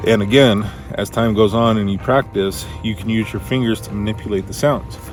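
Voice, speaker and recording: A low-pitched man explains a technique in a casual how-to style. He speaks haltingly, thinking aloud as he instructs. Music plays clearly behind his voice. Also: steady tone. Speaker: duck calling instructor.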